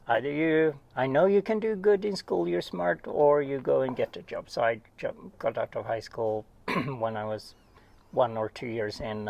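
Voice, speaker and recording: A middle-aged Swedish oceanographer with a Swedish accent chats as an interview guest from a small cabin, rambling and self-deprecating with laughs and restarts. His voice is medium-pitched with vocal fry.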